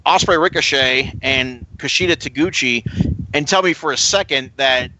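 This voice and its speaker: A man co-hosting a casual podcast chat, talking in halting bursts full of stammers and restarts. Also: mid-range voice, pushed and bright, rough recording. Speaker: podcast co-host.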